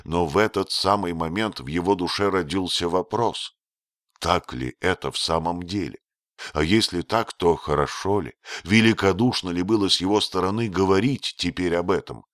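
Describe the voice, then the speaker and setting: A man narrating an audiobook in a steady storytelling manner, slowing on key words. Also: deep voice, no room sound, studio quality.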